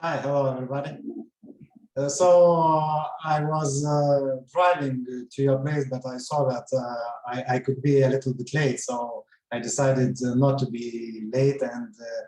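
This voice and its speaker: A man joining a seminar over a video call, speaking hesitantly with many pauses. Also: medium pitch, level tone, a little mellow, echoey room, low-quality recording. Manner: hesitant, many filler uhs. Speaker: seminar participant.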